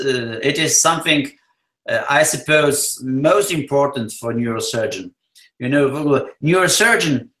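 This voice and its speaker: A man's voice: medium pitch, fairly bright tone. A man with a Polish accent answering as a neurosurgeon in an interview, searching for words and repeating phrases. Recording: roomy, echoey sound.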